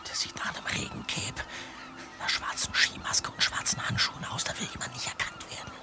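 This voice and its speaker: Sensible young detective in radio drama: medium pitch, breathy hushed edge, lively intonation. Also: male voice, moderate pace, whispered. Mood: hushed, reasoning. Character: level-headed young male detective, observant. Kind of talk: German audio drama acting.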